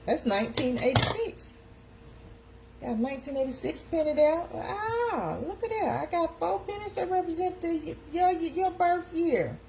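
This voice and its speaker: A woman's voice: extremely high pitch, lively intonation, moderate pace, gravelly, noisy background. A woman, hosting a casual live chat and calling out to her viewers. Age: 50s. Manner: chatty, calls out to viewers. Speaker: live stream host.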